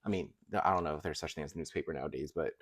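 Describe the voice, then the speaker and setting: A man's voice: very deep voice, rapid-fire, slightly rough, no room sound, studio quality. A man who grew up in Costa Rica, co-hosting a casual talk show, hedging his claims and joking at his own expense. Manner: self-deprecating, hedging. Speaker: podcast co-host. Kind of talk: casual chat.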